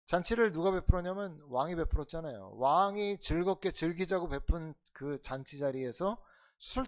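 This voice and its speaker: 교회에서 강해설교를 하는 남자 목사로, 청중에게 질문을 던지며 대화하듯 설교하고, 크게 강조하다가 낮게 속삭이듯 말하기를 오간다. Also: male voice. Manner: conversational preaching with rhetorical questions to the congregation; swings between loud emphatic lines and soft low asides. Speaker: pastor. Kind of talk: expository sermon.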